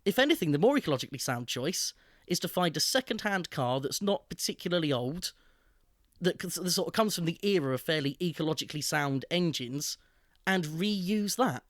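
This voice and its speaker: Higher-voiced opinionated male co-host. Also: expressive, a bit bright, no room sound, clean studio sound. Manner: opinionated, deliberate emphasis. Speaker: podcast co-host. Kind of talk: casual tech chat.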